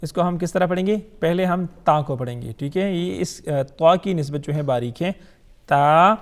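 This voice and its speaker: A man teaching Quran recitation. He draws out each Arabic letter slowly, then explains quickly, asks the viewer questions and answers them himself. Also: on the high side, a little mellow.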